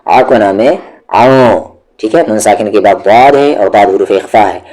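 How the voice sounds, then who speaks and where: A man's voice: fairly low pitch, darkish tone. A man teaching Quran recitation, patiently sounding out syllables one at a time and drawing them out. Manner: patient, drawn-out syllable drills. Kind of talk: slow step-by-step tajweed lesson.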